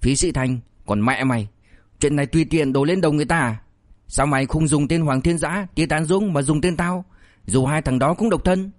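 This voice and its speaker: A man voicing a hot-tempered former cop, lashing out with harsh, angry scolding. The voice rises a little above its usual pitch and comes fast, in a dry, close recording. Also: no echo, natural voice. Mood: furious.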